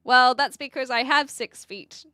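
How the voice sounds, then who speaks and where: A woman's voice: high-pitched, unhurried, pushed and bright, no room sound, clean studio sound. A woman in her twenties with a mixed English-dialect accent with a New Zealand tinge, chatting casually and playfully on a live stream, reading out comments and replying with self-deprecating humour. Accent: mixed English-dialect accent with some New Zealand. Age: 20s.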